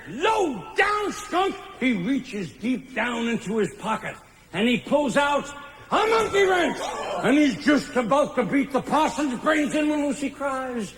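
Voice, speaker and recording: An actor playing a folksy showboat captain and emcee, retelling a melodrama to the audience in a live theater. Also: male voice, very high voice. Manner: folksy showman patter with homespun grammar. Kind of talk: stage musical. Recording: live theater with long reverb.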